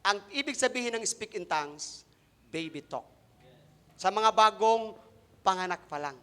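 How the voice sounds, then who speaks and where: High, bright-voiced man preaching. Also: animated, normal speed, clear, resonant tone. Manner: addresses congregation directly, mixing in English phrases; swings between quiet asides and loud emphatic lines. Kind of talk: Sunday sermon testimony.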